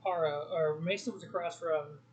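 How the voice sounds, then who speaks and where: A man's voice: a little high, fairly even intonation, normal speed, dull audio. A man hosting a wrestling review show, giving blunt opinions in a casual solo talk full of ums and restarts.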